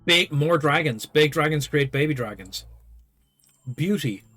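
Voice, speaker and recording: Guy doing a lets play, slightly high voice, reads the game text out loud. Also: expressive, a little slow, no room sound, faint music behind. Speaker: let's play host. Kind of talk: reading game text and dialogue aloud.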